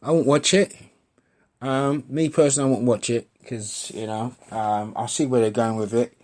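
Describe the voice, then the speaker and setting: A man's voice: medium pitch, steady tone, moderate pace, darkish tone. Blunt British man, fifties, swearing vlogger ranting straight to camera, repeats himself. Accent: British English. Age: 50s. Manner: blunt, repetitive, swears a lot, says mate. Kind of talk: blunt opinion rant.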